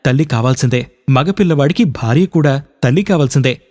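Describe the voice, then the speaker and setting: A man's voice: medium pitch, expressive, brisk, darkish tone, close to an everyday voice. A man voicing a troubled young husband who makes a subdued, earnest confession in a radio story reading. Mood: grieving. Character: troubled young husband haunted by mother's death.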